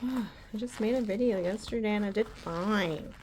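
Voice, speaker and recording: A woman walks through a craft project in a relaxed, rambling way, full of ums and asides. Her pitch sits in an ordinary middle range. A faint room hum sits behind her voice. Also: normal speed. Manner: chatty, rambling, many ums. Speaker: embroidery tutorial host. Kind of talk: casual crafting tutorial.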